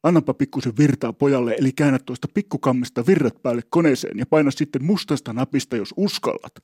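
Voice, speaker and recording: A man voicing a cheerful, hearty father who calls out brisk orders on a boat, in a husky, dark voice. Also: mid-range voice, no echo, studio quality, lightly acted.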